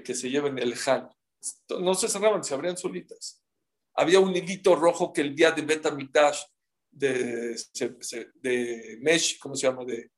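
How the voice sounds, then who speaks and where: A man leads a live Talmud class, his voice sitting a little high. He tells the stories with drama and keeps putting questions to his listeners. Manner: animated, dramatic storytelling with rhetorical questions. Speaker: Torah class teacher.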